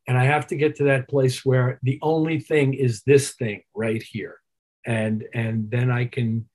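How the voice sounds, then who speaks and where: Mid-range, a little mellow, and husky, the man's voice belongs to a musician guest who plays keyboards. His interview answers are conversational and reflective, with phrases repeated for emphasis.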